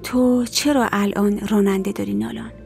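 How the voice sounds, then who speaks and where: A woman's voice: medium pitch, fairly even intonation, creaky, darkish tone, soft background music, close to an everyday voice. A middle-aged actress dubbing a stern, suspicious mother in a TV drama, commanding and probing. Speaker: dubbing actor. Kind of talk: dubbed TV drama dialogue.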